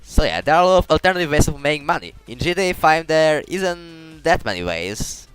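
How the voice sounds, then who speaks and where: A man's voice: fairly high pitch, sing-song, a little fast, fairly bright tone, smooth, no echo, faint music behind. A man giving casual commentary while playing a game. He rambles, stumbles over his words and restarts sentences often. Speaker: gaming commentator.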